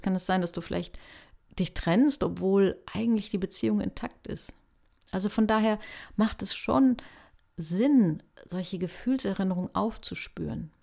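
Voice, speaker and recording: A woman hosting a self-help podcast, talking calmly and gently to the listener in a reflective, coaching manner. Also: medium pitch, vocal fry. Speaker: podcast host.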